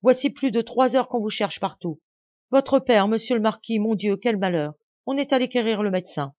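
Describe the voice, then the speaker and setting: Flustered manservant read by a woman, excited talk, dry sound, slightly dull. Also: medium pitch, moderate pace, no room sound, pitched above the performer's own voice, natural voice. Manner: breathless, excited. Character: male servant, flustered and excited.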